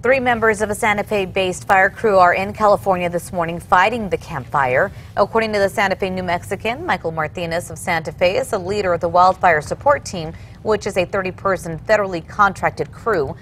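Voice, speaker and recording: A woman's voice: medium pitch, a little fast, a bit bright. Female TV news anchor, mid-range voice, scripted read, faint noise behind.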